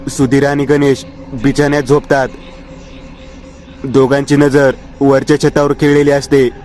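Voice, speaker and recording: Flat, measured male storyteller. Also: mid-range voice, a little hiss or hum. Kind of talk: scripted horror story narration.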